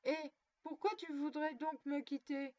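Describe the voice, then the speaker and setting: A woman voicing a tender, grieving imprisoned mother who speaks softly and soothingly. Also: high voice, fairly even intonation, measured pace. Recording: dull dry lo-fi recording.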